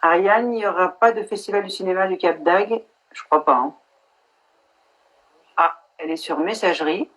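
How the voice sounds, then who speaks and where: A woman's voice: on the low side, normal speed, a bit bright. Chatty frank woman on a video call. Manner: frank and chatty, swears casually. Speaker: actress hosting a live stream. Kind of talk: casual live-stream chat.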